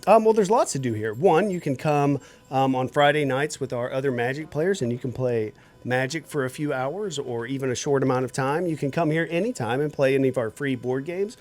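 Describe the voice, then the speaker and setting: A man who owns a game shop, answering a TV reporter's questions in a relaxed, plain-spoken way. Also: mid-range voice, fairly quick. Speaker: shop owner. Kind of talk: TV interview.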